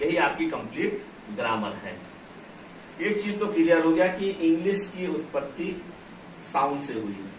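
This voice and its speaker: A man teaching English pronunciation and grammar, explaining slowly, repeating key words and spelling out letters. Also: on the high side, a bit bright. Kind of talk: classroom-style explanation at a board. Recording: echoey room, from a distance, faint noise.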